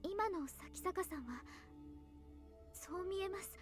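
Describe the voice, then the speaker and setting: A woman voicing a gentle, earnest schoolgirl in a game, speaking softly, politely and hesitantly. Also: very high voice, animated, brisk, faint music behind. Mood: worried. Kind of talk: anime game voice acting.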